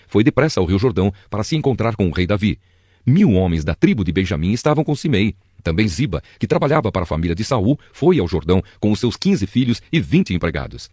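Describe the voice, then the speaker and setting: A man narrating a Bible reading in an expressive storytelling manner. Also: fairly low pitch, dry recording. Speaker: Bible reader.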